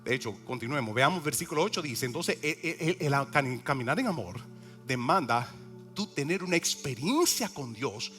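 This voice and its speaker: A man's voice: mid-range voice, sing-song, normal speed, sharp tone, faint music behind. A male pastor preaching a sermon with emphasis, repeating key words and asking the congregation questions.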